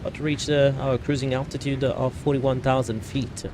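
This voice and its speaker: A man's voice: mid-range voice, little pitch movement, background noise, pitched above the performer's own voice, natural voice. A man playing an airline captain making a cabin announcement, with many hesitations. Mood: polite. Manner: hesitant, halting, filled with "uh". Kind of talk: mock pilot announcement on a flight sim stream.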